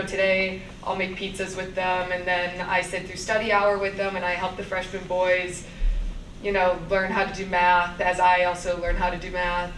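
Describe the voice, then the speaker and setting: Woman, 20s, from Buffalo, breezy volunteer intro, flat delivery; distant noisy mic. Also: medium pitch. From Buffalo, New York. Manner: breezy and friendly. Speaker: AmeriCorps volunteer. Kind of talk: casual self-introduction. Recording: echoey room, distant mic, background noise.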